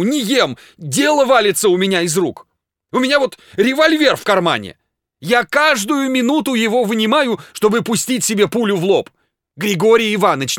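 A man voicing a terrified gentleman who fears he is going mad, pleading desperately in high outbursts. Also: no room sound, studio quality. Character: frantic terrified man, gentleman fearing madness.

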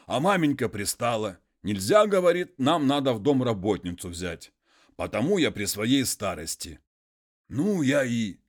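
A man reading a story takes on the part of a pleading, wheedling peasant, stretching out folksy phrases. He pitches it high and loud, with every line full of large swings up and down.

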